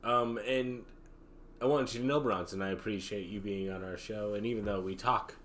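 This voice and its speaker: A man's voice: fairly low pitch, fairly even intonation, moderate pace, a bit bright, a little hiss or hum. A man co-hosting a casual post-show podcast chat, laughing often, swearing and slipping into mock-angry quoted voices. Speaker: podcast co-host.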